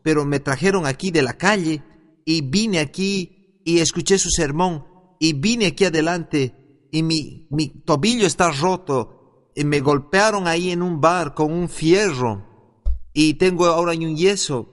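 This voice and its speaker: A man voicing a rough male newcomer who plainly recounts his healing, rising in joy. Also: on the high side, measured pace, close to an everyday voice. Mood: recounting. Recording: reverberant hall.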